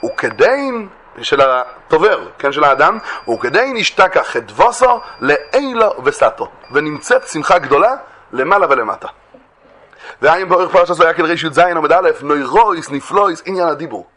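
A man with a slightly high-pitched voice delivers a religious lecture. He reads passages from old sources, then explains them in everyday terms. His delivery shifts from emphatic, lifted lines to hushed, lower asides. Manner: reads aloud from classic texts, then explains them in plain words; lively, swings between raised emphatic phrases and quiet low asides. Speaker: Torah teacher.

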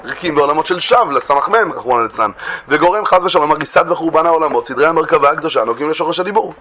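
A Torah teacher reads aloud from classic religious texts and then explains them in plain language. His delivery is lively, moving between loud, emphatic phrases and quiet, low asides.

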